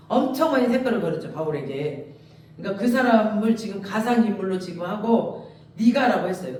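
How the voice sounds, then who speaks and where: A man preaching an expository sermon as pastor, telling the story in a lively way and acting out the quoted lines. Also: high-pitched, slight background noise. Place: church sanctuary. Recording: echoey church hall, mic at a distance.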